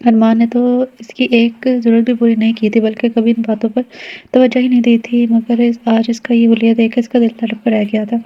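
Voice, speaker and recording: A woman reads a romance novel aloud in a slightly high voice with almost no rise and fall. Her delivery stays steady and even throughout. The recording is dull and lo-fi. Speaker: audio novel narrator.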